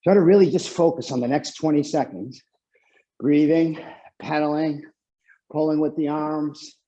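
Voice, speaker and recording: A man's voice: on the high side, fairly even intonation, normal speed, dark tone. A man instructing a spin class while cycling hard himself, out of breath and calling out motivational cues. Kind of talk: motivational indoor cycling coaching. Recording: dull, muffled lo-fi class recording.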